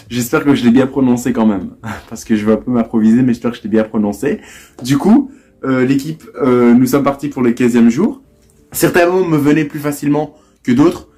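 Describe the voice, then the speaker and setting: A young man with a mellow, medium-pitched voice is casually vlogging. He tries out language-app phrases, repeating them again and again in a playful, self-mocking way, and the recording has an echoey room sound with faint music.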